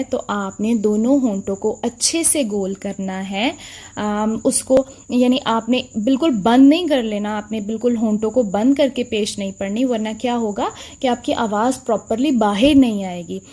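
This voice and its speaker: A woman's voice: fairly high pitch, warm tone. A woman teaching Quran recitation in a patient, step-by-step lesson, asking questions and then answering them, speaking. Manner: asks questions then answers them, demonstrates sounds slowly.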